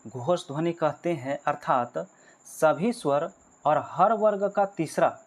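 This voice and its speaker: Grammar for exam candidates is the subject here, taught by a man whose voice is fairly high. He refers to viewers as friends, explains methodically, stresses key points through repetition, and answers the questions he raises.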